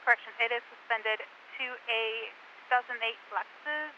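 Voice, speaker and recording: A woman working as a police dispatcher, reading out codes, plates and addresses in a rapid, clipped way over a police radio. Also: a little high. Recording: muffled scanner radio with hiss.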